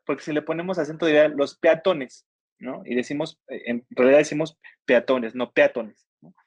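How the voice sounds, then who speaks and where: A man's voice: fairly high pitch, fast, no room sound, lo-fi sound. A man teaching an online writing workshop, patiently explaining grammar step by step and asking his students questions. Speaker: workshop instructor.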